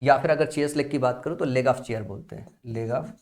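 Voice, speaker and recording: A man's voice: medium pitch, moderate pace, a little mellow. A man teaching English grammar in a classroom-style lesson, repeating key points and asking and answering his own questions.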